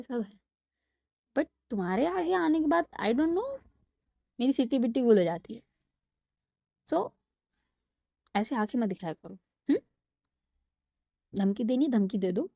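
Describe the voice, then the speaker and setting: A flustered, lovestruck young heiress pleads and protests, as a woman plays her. The voice runs fairly high, and the audio is dull, dry and close-miked. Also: dry recording.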